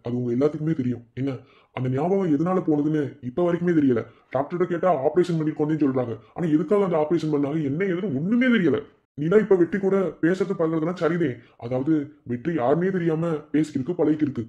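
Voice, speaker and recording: A man's voice: a little high, dark tone, lightly acted. A man voicing a middle-aged village man in a cartoon, earnestly reassuring his family, with a Madurai Tamil accent. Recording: dull lo-fi audio.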